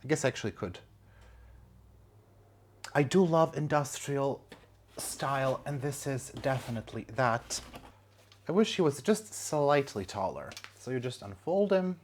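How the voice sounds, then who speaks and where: At home indoors, a plant vlogger chats casually, poking fun at themselves and cooing over new plants. The voice is mid-range with lively intonation, a little slow, and broken by long pauses.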